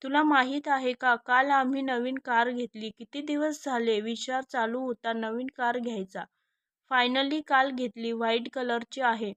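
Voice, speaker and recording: A woman's voice: high voice, steady tone, normal speed, a bit bright, no echo, lo-fi sound. A woman voicing a self-absorbed married elder sister who brags and brushes off her family, in a storybook reading. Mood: boastful.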